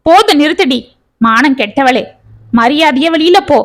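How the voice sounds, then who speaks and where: A bitter young husband hurls harsh accusations in a fairly high voice, played by a woman narrator. He scolds relentlessly and cuts off any reply, keeping every line sharp. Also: lively intonation, moderate pace. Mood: angry.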